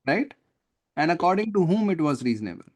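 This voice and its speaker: A man with a fairly high pitch and a brisk delivery tutors test prep over a video call. His accent is Indian English, and his manner is lively and questioning as he regularly checks whether the class is following.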